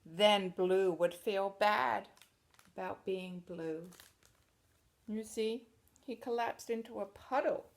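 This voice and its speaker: A woman teacher reads a storybook aloud to children with expression, stopping now and then to explain things in simple words. Her voice sits in the mid range.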